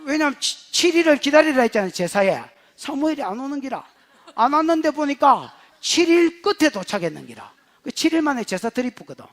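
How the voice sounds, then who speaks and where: High-voiced pastor with Gyeongsang accent. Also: male voice, brisk. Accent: Gyeongsang Korean. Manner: humorous, animated storytelling in dialect. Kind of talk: sermon.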